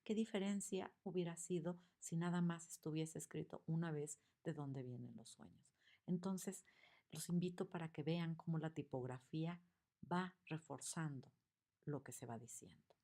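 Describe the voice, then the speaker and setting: Low-voiced woman lecturing on picture books. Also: normal speed. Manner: expressive, acts out the examples, asks the audience questions. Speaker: teacher.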